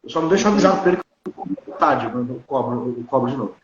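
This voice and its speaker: A man's voice: mid-range voice, expressive, rapid-fire, echoey room, muffled recording, slight background noise. A man in his thirties from Brazil, a dentist speaking bluntly and animatedly in casual conversation. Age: 30s.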